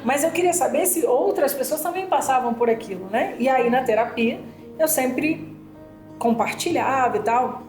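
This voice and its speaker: A woman's voice: high-pitched, moderate pace. A woman with a Brazilian accent chatting casually, telling a personal story full of fillers. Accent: Brazilian Portuguese. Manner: animated storytelling with many fillers. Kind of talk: casual chat. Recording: roomy sound with music behind.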